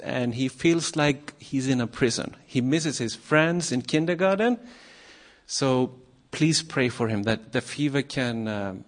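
A medium-pitched Icelandic man, once a missionary, delivers a nervous, halting sermon to a congregation as a guest preacher, full of pauses and fillers.

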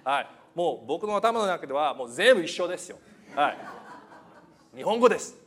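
A man who isn't a native Japanese speaker delivers a church sermon haltingly and playfully, full of fillers and jokes at his own expense. His voice sits a bit high, with a sing-song lilt and a fairly bright tone.

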